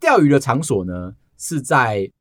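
A man co-hosts a podcast, telling stories in an animated, casual way. His pitch moves a lot. The recording is dry and close. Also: a little slow, no room sound. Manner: storytelling, animated. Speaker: podcast co-host. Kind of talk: casual chat.

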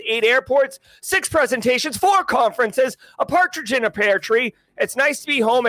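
Man, livestream host, high voice, dry close sound, slangy, energetic, talks to chat. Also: no room sound.

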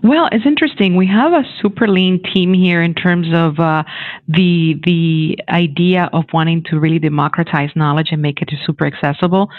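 Lively man from the Dominican Republic on a phone-like line. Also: fairly high pitch, dry recording. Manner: animated, many restarts and fillers. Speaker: guest, technology executive. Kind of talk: conversational interview.

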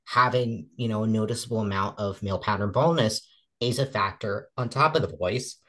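A woman in her twenties, deep-voiced but a bit bright, talks briskly and casually as an interview guest. Many fillers and restarts fill her speech, and she acts out the remarks she quotes.

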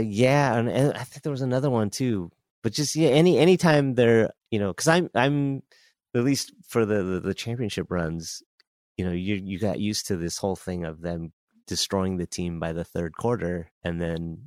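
A man with a very deep, gravelly voice chats as a podcast guest. The sound is close and dry, and he talks in an easygoing way, peppered with "you know". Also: moderate pace, darkish tone, no echo. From San Francisco Bay Area. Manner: easygoing, filler-heavy, "you know" throughout. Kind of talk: casual sports chat.

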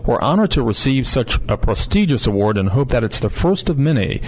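A man's voice: medium pitch, very animated, fairly quick, rough recording. A man co-hosting a travel radio show, making formal announcements and asking a guest questions.

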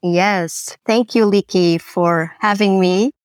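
A woman, a podcast guest who speaks thoughtfully, pausing and repeating words. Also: medium pitch, fairly even intonation, no echo, clean studio sound. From Portugal. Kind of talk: podcast interview.

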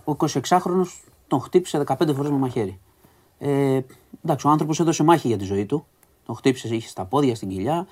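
A man's voice: mid-range voice, darkish tone, husky. Chatty man recapping the news. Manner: chatty, recaps news stories with asides and hesitations. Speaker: podcast host. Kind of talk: casual news chat with a co-host.

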